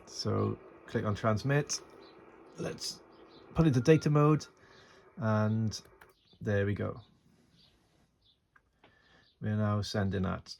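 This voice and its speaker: A man with a low, gravelly, darkish voice talks slowly and steadily, with long pauses, as he walks through his amateur radio screen and gear. He thinks aloud hesitantly into a handheld phone, and the homemade recording is noisy.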